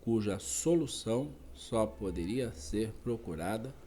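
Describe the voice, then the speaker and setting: Slow, dark-voiced man reading aloud. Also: fairly low pitch, animated, slight background noise. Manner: slow, careful reading with self-corrections and asides. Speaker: reader. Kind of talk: reading a philosophy text aloud.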